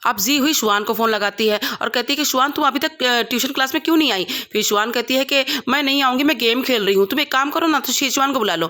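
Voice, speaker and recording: A woman tells the story of a drama scene by scene at a quick clip. Her voice is bright and forward, and she slips the characters' lines into her own narration without changing voice. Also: fairly high pitch. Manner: fast, quoting every character in the same voice. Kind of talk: storytelling recap with quoted dialogue.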